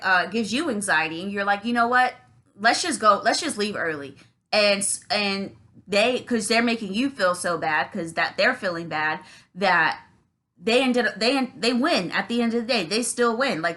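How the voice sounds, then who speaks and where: Rambling woman vlogger with a bright voice. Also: mid-range voice. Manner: rambling, many restarts and fillers. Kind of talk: casual monologue.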